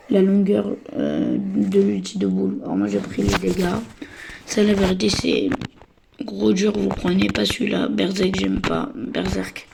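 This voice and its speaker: A woman who is a little sick and tired, giving casual game tips in a hesitant, stammering way with a slightly croaky voice. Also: medium pitch, mellow. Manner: hesitant, stammering, many fillers. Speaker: gaming channel host.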